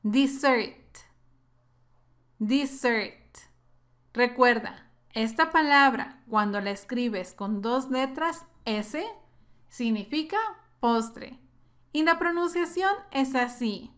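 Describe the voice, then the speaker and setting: Slow-spoken woman teaching pronunciation. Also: on the high side, a bit bright. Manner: slow, careful drilling of words twice. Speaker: English teacher. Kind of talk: pronunciation lesson.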